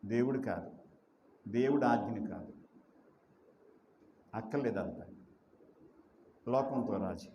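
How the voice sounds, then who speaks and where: A man's voice: lowish voice, lively intonation, takes it slowly, pauses often, warm tone, echoey room, lo-fi sound, a little hiss or hum. A man preaching a sermon as pastor, emphatic, asking rhetorical questions and drawing out repeated phrases.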